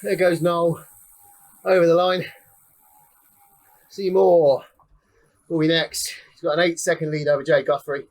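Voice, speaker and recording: A young man serving as ride leader and race commentator talks casually through a cycling race while riding, slightly out of breath, announcing finishers one by one in a chatty way. His fairly high voice has a darkish tone and a level delivery at a measured pace, broken by long pauses.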